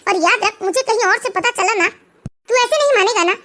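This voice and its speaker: A woman's voice: very high-pitched, brisk, very noisy. A woman voicing a stern scolding mother-in-law. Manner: scolding, interrogating. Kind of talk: cartoon family drama voice acting.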